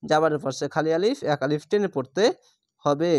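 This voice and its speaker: A man's voice: fairly high pitch, brisk, a little mellow, dry recording, clean studio sound. A man teaching Quran reading, spelling out each letter and vowel mark one syllable at a time before reading the whole word.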